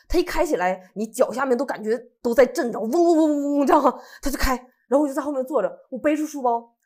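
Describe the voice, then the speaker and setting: A woman from Northeast China tells a story in quick, tumbling chat. Her pitch sits fairly high and swings widely. She slips into the voices of the people in the story as she goes. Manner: animated, acts out what people said. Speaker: co-host.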